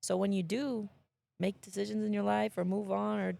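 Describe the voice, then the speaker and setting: A woman's voice: medium pitch, flat delivery, normal speed, vocal fry, warm tone. A woman co-hosting a podcast, talking in an earnest, chatty way. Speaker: podcast co-host. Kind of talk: casual chat.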